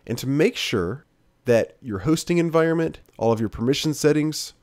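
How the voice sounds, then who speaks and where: A man narrating a software tutorial screencast as instructor, in a steady, plain-spoken, explanatory way. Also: on the high side, normal speed, no echo, studio quality.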